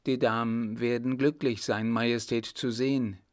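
A man's voice: mid-range voice, fairly even intonation, moderate pace, no echo, studio quality, close to an everyday voice. A man reading the lines of a flustered, deferential young baron in an audiobook. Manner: stammering, deferential.

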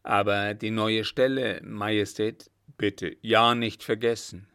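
A man's voice: fairly low pitch, flat delivery, gravelly, clear, resonant tone, full character voice. A man doing a naive, proud coachman. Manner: loud, earnest, slow emphatic answers. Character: naive proud male coachman, simple and blunt.

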